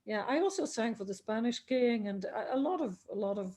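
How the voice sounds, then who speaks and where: In a fairly high, expressive and warm voice, a little on the fast side, a middle-aged Dutch singer-writer shares her family's story from her Dublin home beside a busy road. The remote interview is loose storytelling; she rambles, keeps starting over and trails off.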